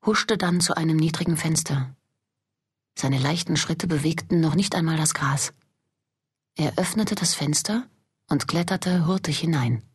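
A woman reading a fantasy novel aloud as an audiobook, in measured storytelling narration. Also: low voice, slightly rough. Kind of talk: scripted narration.

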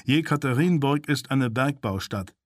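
A man's voice: mid-range voice, animated, normal speed, dry recording, clean studio sound, close to an everyday voice. A man voicing a stern, commanding male officer who speaks curtly and with authority. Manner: curt, authoritative.

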